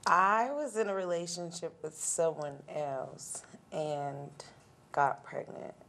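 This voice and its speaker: A woman's voice: low-pitched, slow, gravelly, a bit bright. A woman in her twenties from Denver, talking casually and a bit slangy as a guest. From Denver, Colorado. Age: 20s. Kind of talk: casual interview answers.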